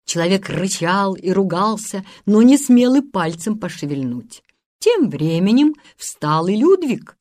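A woman narrating a storybook with expressive reading and voices for each figure. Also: mid-range voice, a little slow.

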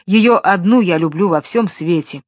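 A woman's voice: lowish voice, normal speed, a little mellow, no echo, clean studio sound, natural voice. A woman voicing a loyal young prince who pleads and defies in a storybook tale. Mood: defiant. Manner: pleading, defiant. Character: young loyal male prince, steadfast and defiant.

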